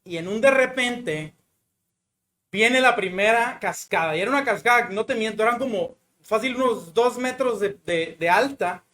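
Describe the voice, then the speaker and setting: A man with a Mexican accent giving a conversational sermon, chatty and full of little fillers, then slowing and softening as he prays. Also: sits high. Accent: Mexican Spanish. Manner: chatty, fills pauses with "¿no?" and "o sea"; slows down and softens when praying. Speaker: preacher. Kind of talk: conversational sermon with personal story.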